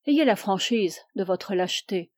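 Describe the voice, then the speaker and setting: Une femme qui prête sa voix à un mentor spirituel âgé et sévère, qui fait des reproches d'un ton dur. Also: female voice, medium pitch, lively intonation, a little slow, a little mellow, no room sound, clean studio sound. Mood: severe. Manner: stern, reproving. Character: stern older male spiritual mentor, severe.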